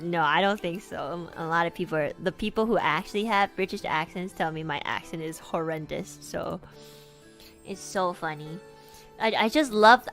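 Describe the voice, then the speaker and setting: A woman's voice: mid-range voice, a bit bright. A woman streamer chatting casually, rambling with lots of fillers, giggling and swearing offhandedly.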